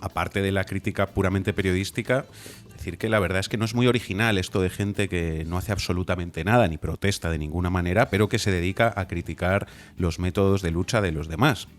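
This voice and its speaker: A man's voice: sits low, steady tone, brisk. A man, a regular commentator on a political talk show, arguing critically. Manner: critical, argumentative.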